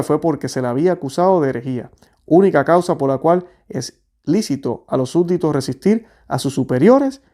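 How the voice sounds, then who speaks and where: A man reading a history text aloud in a measured, steady way, then explaining it to his viewers. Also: fairly high pitch. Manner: steady, measured reading with small restarts on words.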